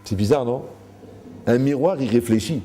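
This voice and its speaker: A man's voice: medium pitch, moderate pace, mellow. A man giving a Torah lecture to a live audience, joking, asking the room questions and acting out the people he quotes.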